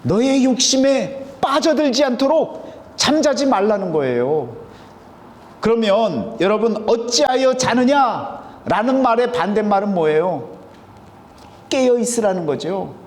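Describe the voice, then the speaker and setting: A man's voice: sits high, animated, a little slow, a little mellow. A male pastor with a Chungcheong accent preaches a sermon, asking the congregation questions and answering them himself. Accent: Chungcheong Korean. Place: church sanctuary. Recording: long hall reverb.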